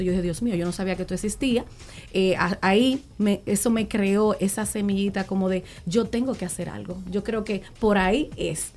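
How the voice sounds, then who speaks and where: A woman from the Republic, talking earnestly as a special education guest on a panel, often pausing and restarting. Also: mid-range voice, a little mellow, a little hiss or hum. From Dominican Republic. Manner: earnest, with frequent fillers and restarts. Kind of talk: panel talk.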